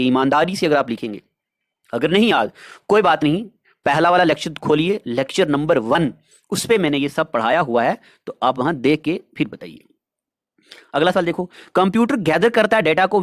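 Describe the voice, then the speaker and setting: A man with a high, light voice gives an exam prep lecture in a chatty way. He asks the class questions and answers them himself. The sound is dry and close, with no room around it. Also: no echo. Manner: chatty, addresses students as dear children, asks and answers own questions. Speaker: teacher.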